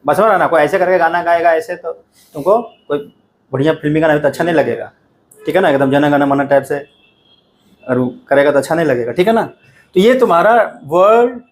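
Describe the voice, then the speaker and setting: A middle-aged man teaching a class, lecturing students directly in a conversational classroom style and often checking they follow. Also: a little high. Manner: addresses students directly, repeats "ठीक है ना" often. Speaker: coaching teacher.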